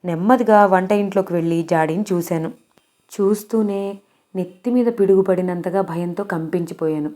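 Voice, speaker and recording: A woman's voice: fairly low pitch, moderate pace, mellow. A woman narrating a bedtime story, reading expressively and giving the characters' quoted lines their own tone.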